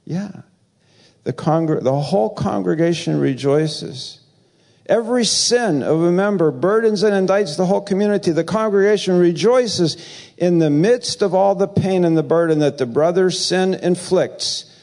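A male pastor preaching a sermon in a church, earnest and halting, with many fillers and sudden excited rises. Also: high-pitched, creaky.

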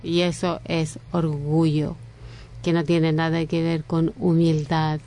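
A woman preaching a sermon in slow, earnest phrases with frequent pauses and restarts. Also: sits low, level tone, gravelly, mellow.

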